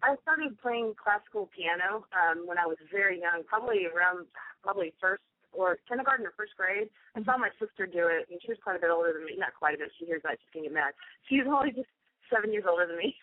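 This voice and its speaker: A woman's voice: lowish voice, fast, no room sound. Woman chatting over a tinny phone line. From Tennessee. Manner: chatty, laughs often, many fillers. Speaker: guest singer. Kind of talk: phone interview chat.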